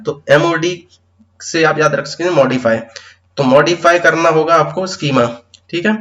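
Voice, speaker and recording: A man's voice: on the high side, lo-fi sound. A man teaching an exam-prep pedagogy lesson, explaining step by step in mixed with terms and often checking in with "theek hai".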